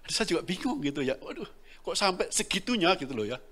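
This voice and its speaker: A man's voice: high voice, big pitch swings, quick pace, a bit bright. A middle-aged man preaching a sermon, talking directly to the congregation and laughing between lines.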